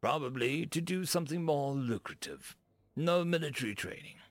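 A man voicing a calm, dignified human male ambassador in a read-aloud sci-fi story, speaking in measured, deliberate phrases. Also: fairly high pitch, no room sound, voice pushed up.

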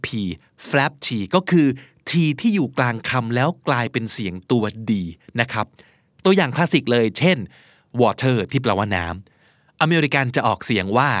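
A man hosting a podcast, teaching pronunciation by slowly repeating words and example sentences. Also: medium pitch, sing-song, a bit bright, no room sound, clean studio sound. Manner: slow, clearly drilled word repetitions.

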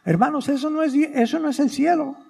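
A man's voice: very high voice, brisk, vocal fry, darkish tone. A priest preaching a sermon at Mass, repeating his key phrases and putting questions to the congregation. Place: church during Mass. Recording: long reverb of a church hall.

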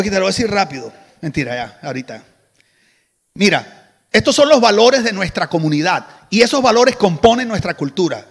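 A man preaching a lively sermon to a congregation as the church's pastor, joking with the crowd and having them repeat after him. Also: high voice, big-room sound. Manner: animated, joking asides to the congregation.

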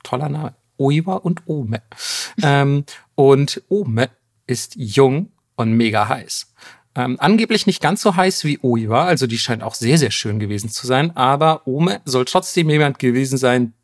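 A man's voice: medium pitch, lively intonation, measured pace. A man hosting a podcast, retelling a story in a casual, slangy way, laughing often and acting out the quotes. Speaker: podcast host.

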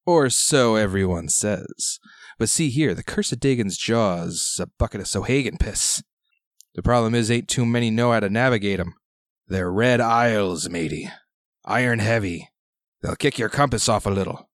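A man voicing a gruff, knowing old peg-legged sailor who talks like a salty old fisherman in a tabletop game. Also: lowish voice, no room sound, clean studio sound, lightly acted.

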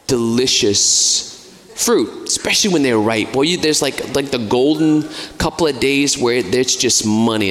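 A man's voice: mid-range voice, a bit bright. An American man preaching a sermon in a conversational way, with casual asides and fillers. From United States. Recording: long hall reverb.

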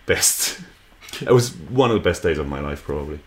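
A man's voice: very deep voice, expressive, moderate pace. A man in casual conversation, often restarting his sentences and breaking into laughter while telling a story. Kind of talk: casual chat.

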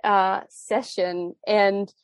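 Speaking extremely slowly in a flat, mid-range voice with no room sound, a Danish woman in her thirties hosts a podcast. Her light accent comes through as she gives the intro and chats casually with a guest. Her storytelling is warm and chatty, loaded with fillers.

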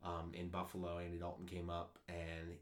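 A man's voice: deep voice, moderate pace. A man, co-hosting a casual sports podcast, telling a story eagerly with lots of restarts. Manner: excitable storyteller, rambling with restarts. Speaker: podcast co-host.

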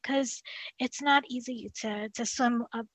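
A woman's voice: a little high, steady tone, measured pace, fairly bright tone, rough recording. A woman speaking as a podcast guest and dietitian, talking earnestly with frequent restarts and "you know.". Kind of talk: casual conversational interview.

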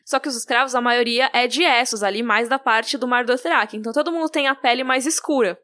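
Woman, podcast co-host, higher voice, animated storyteller, casual chat. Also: quick pace. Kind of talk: casual book-discussion chat.

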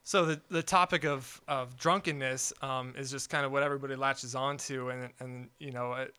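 A man's voice: medium pitch, fairly even intonation, moderate pace, pushed and bright, clean tone. A young man talking casually in a discussion, rambling with many fillers and restarts. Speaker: podcast guest.

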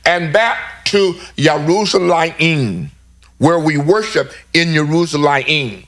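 A man's voice: on the high side, lively intonation, slow, fairly bright tone. A man teaching scripture in an emphatic, repetitive way, reading verses aloud and explaining them. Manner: emphatic, repeats himself while reading verses.

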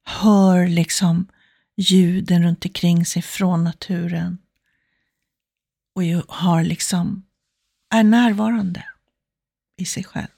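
A woman's voice: lowish voice, steady tone, gravelly, pauses often, a little mellow, slightly rough, no room sound, studio quality. A woman telling an illustrative story as a self-help speaker, acting out the characters' inner thoughts in quoted asides. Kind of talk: storytelling example talk.

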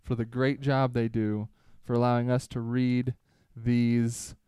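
A man's voice: medium pitch, little pitch movement, measured pace, warm tone, smooth, no room sound, clean studio sound. A man co-hosting a casual comedy podcast, speaking sarcastically and with mock exasperation. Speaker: podcast co-host.

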